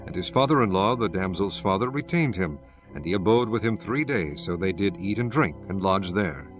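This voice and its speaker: Reading scripted scripture over soft background music, this male narrator sits on the low side in pitch. His tone is formal and solemn, his intonation lively, and his speed normal.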